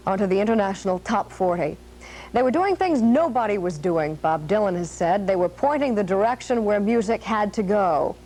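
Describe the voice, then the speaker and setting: A woman's voice: mid-range voice, warm tone, low-quality recording. A woman narrating a scripted news feature as anchor, polished and storytelling.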